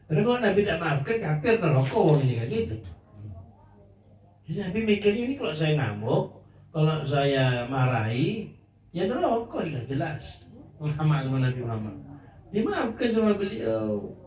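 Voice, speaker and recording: Preacher in an echoey hall. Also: male voice, fairly high pitch, moderate pace, long pauses. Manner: lively, addresses crowd with rhetorical questions. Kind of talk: religious sermon. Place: religious gathering hall. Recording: echoey hall, mic from a distance.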